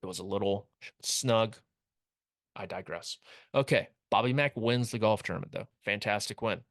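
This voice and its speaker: A man's voice: fairly low pitch, moderate pace, a bit bright, no echo. A young man hosting a casual comedic sports recap, wry and rambling with jokey asides, recorded close in a small studio. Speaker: host.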